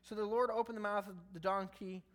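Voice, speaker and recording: A man's voice: high voice, steady tone, fairly quick, a bit bright. A man preaching a casual sermon, reading scripture aloud and breaking off into conversational, joking asides. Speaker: pastor.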